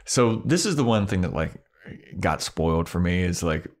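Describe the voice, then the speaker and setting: A man's voice: low voice, animated. A man casually recapping a TV episode with a co-host, swearing and acting out the characters' lines. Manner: laid-back, swears, acts out characters' lines in quick voices. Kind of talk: casual chat.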